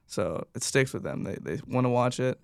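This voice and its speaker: Young man with a gravelly voice. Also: mid-range voice, animated, normal speed. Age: young adult. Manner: earnest, agreeable, frequent "yeah". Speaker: guest, personal trainer. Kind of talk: casual interview answers.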